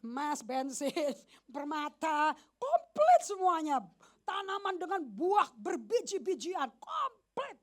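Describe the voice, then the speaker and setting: Animated high-voiced woman pastor preaching. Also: takes it slowly. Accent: Indonesian. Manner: animated, mixes English phrases, jokes with the congregation. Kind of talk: lively sermon. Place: church service.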